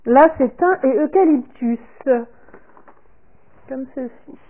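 Woman vlogger, casual unboxing talk to camera, halting, thin phone-line sound. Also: sits high. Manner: slow and halting, repeats "comme ceci" and "voilà", trails off softly. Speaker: vlogger showing a product order.

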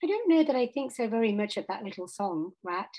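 A woman's voice: medium pitch, sing-song, a little fast, a little mellow. A woman voicing a candid, agreeable little male mole in a storybook, mild and conciliatory. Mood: cautious.

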